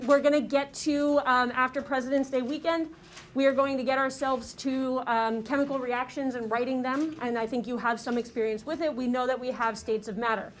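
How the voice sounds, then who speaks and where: A woman's voice: high voice, slight background noise. A woman teaching a chemistry class, explaining step by step and checking in with "okay?" and "right?" after nearly every point. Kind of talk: classroom lecture.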